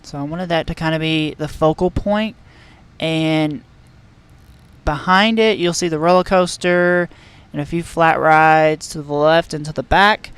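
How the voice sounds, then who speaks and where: A man's voice: a little high, steady tone, measured pace, fairly bright tone, smooth. A man streaming a park-building game, talking casually through a headset at home with lots of fillers and restarts. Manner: rambling, chatty, many fillers and restarts. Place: home room with a heater.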